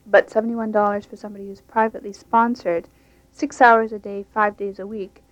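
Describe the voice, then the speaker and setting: In unscripted interview answers, this English language teacher talks plainly about her programs for immigrants. Her mid-range voice moves briskly with little change in pitch, on a dull lo-fi radio recording with no room sound.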